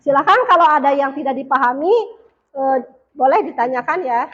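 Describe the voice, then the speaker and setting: A woman's voice: high voice, fairly quick, highs cut off. A woman teacher leading a classroom lesson, asking the pupils questions and repeating their answers.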